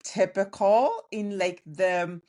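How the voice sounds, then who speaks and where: A woman's voice: mid-range voice, fairly even intonation, slow pace. A middle-aged woman from Nigeria, a food blogger chatting casually as a podcast guest, with lots of "like" and "you know" fillers. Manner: conversational, many "like" and "you know" fillers, warm laughs. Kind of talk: casual interview chat.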